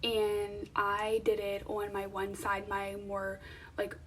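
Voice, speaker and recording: A woman's voice: medium pitch, monotone, slow pace, recorded from a distance, slight background noise. A young woman talking casually to viewers in an informal, conversational vlog style. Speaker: vlogger. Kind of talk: casual chatty vlog to camera.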